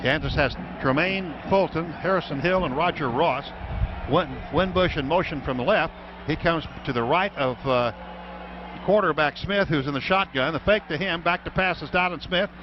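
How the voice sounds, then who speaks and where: A man with an American accent calls football play-by-play live on radio, his voice slightly high and his pace moderate. He speaks into a broadcast booth microphone, and the radio audio sounds dull beneath loud stadium noise.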